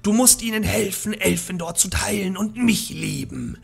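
Man doing a crooked old shadow witch, whispered and hissing, scheming, high and thin, storybook reading. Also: lively intonation, normal speed, creaky, husky, full character voice.

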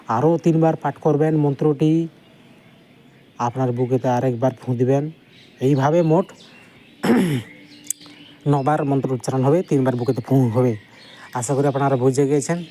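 A man with a Bengali accent explains a ritual step by step, repeating each instruction patiently. His voice is dark and mellow, and faint birdsong sits softly behind him. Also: mid-range voice, slight background noise. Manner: slow, repetitive step-by-step instruction. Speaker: mantra teacher. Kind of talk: spoken tutorial with slow chanted recitation.

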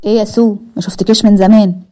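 A woman's voice: mid-range voice, steady tone, racing, mellow, natural voice. A woman with an Egyptian accent voicing a lovesick, honest young man who pleads and protests indignantly. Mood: pleading. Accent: Egyptian Arabic.

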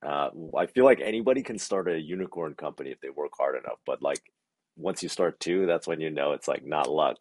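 Podcast host on a video call: very low husky male voice, dry and close, laid-back interviewer. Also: fairly quick, no echo. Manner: relaxed, filler-heavy questions. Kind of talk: casual interview chat.

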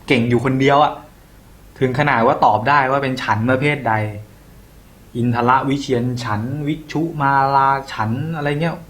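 A young male tutor, laid-back and slangy, coaching students for an exam as if he were their older brother. His voice sits at an ordinary middle pitch, and he keeps the tone loose and chatty. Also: fairly even intonation, moderate pace, fairly bright tone. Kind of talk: casual exam-prep lesson.

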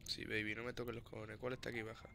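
A man's voice: mid-range voice, flat delivery, rapid-fire, creaky, background noise. A young man, a gamer doing casual let's-play commentary, swearing and rambling with mock panic. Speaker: gamer streamer.

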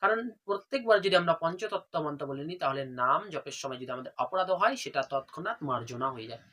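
A man giving a devotional how-to lesson, demonstrating step by step, often asking a question and then answering it himself, and chanting mantras slowly. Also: fairly high pitch, animated, sharp tone. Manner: asks rhetorical questions then answers them. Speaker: religious instructor.

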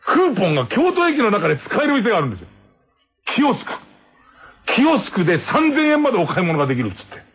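A man's voice: sits high, wildly swooping pitch, fast, a bit bright, slightly rough. A man hosting a late-night radio show, telling a rambling, self-mocking comic story and laughing at his own jokes into a studio microphone.

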